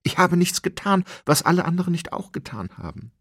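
A man voicing a desperate condemned man who pleads in a high, wailing voice. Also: sing-song, a little fast, slightly rough, dry recording, clean studio sound, heavily acted. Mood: pleading.

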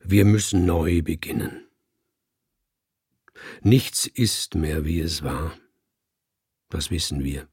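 A man's voice: a bass voice, darkish tone, husky, no room sound, studio quality, exaggerated voice. A man reading an audiobook and voicing a male cat who preaches to other cats in a sonorous, solemn manner. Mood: grave. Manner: sonorous, slow and grave like a sermon.

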